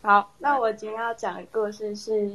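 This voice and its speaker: A young woman casually telling a personal story in a chat with friends, animated and laughing often. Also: mid-range voice, moderate pace. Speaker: storyteller in a horror story contest.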